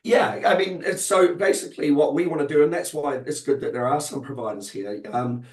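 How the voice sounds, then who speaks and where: A man's voice: on the high side, fairly quick, reverberant. A man presenting in a webinar, explaining a support program with many fillers and restarts, losing his voice. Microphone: online video call.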